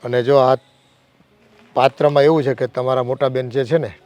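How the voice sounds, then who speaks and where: An actor playing a worried, elderly uncle who pleads earnestly about family strife. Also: male voice, mid-range voice, little pitch movement, moderate pace, a little mellow, dry recording, close to an everyday voice.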